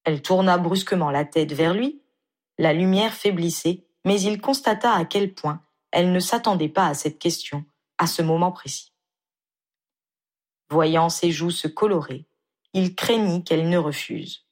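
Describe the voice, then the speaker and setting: A woman reading a story aloud in a calm, measured way. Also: fairly low pitch. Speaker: audiobook reader. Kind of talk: scripted narration.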